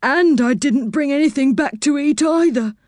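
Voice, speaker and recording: Brief: woman doing a high, sheepish storybook tinker, rambling, dry close recording. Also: normal speed, a little mellow, no echo, close to an everyday voice. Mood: apologetic. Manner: apologetic, rambling. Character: sorry, simple-hearted male tinker figure.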